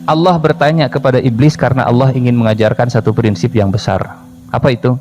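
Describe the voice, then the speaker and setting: A male preacher with a Sundanese accent giving a lively, joking sermon and speaking straight to his congregation. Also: mid-range voice, fast. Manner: lively, joking, addresses the audience directly. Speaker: Islamic preacher. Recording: music playing underneath.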